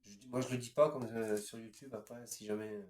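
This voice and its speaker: A man's voice: fairly low pitch, steady tone, a little fast, darkish tone. A man in his fifties casually presenting his record collection, hesitant and chatty, moving item to item with frequent filler words. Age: 50s. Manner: hesitant, strings items together with "voilà" and "ensuite". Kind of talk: casual show-and-tell. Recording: roomy echo.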